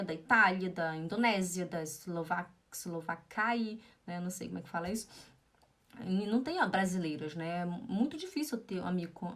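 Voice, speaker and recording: A woman's voice: medium pitch, fairly bright tone. A young Brazilian woman teaching German in a live-streamed lesson, chatting and reading viewers' comments aloud with frequent "né?". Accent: Brazilian Portuguese.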